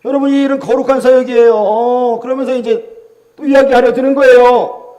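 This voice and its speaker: A man with a Gyeongsang accent preaches a sermon in a high, bright register. He tells everyday church stories and slips into the voices of the people in them. He hammers home his points by repeating key phrases. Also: level tone, brisk, muffled recording. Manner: storytelling preacher acting out quoted church members. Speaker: pastor.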